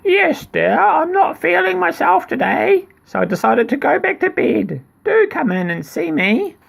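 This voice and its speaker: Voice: high-pitched, very animated, a little slow, creaky, pitched above the performer's own voice, full character voice. A parent reading a storybook aloud and voicing a sly, hungry wolf who pretends to be a sweet old lady.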